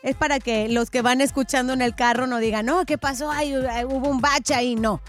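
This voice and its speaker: A woman's voice: sits high, fairly even intonation, fairly quick. A woman hosting a radio gossip segment in a casual, playful and theatrical way. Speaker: radio entertainment gossip host. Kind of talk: casual celebrity gossip commentary. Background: faint music.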